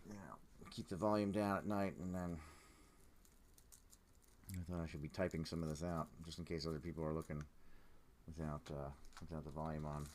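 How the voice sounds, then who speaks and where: Groggy, low-voiced man chatting unhurriedly. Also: fairly even intonation, darkish tone, a little hiss or hum. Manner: unhurried, musing, trailing off mid-thought. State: groggy, just woke up. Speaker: live auction seller showing amber specimens. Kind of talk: casual livestream chat.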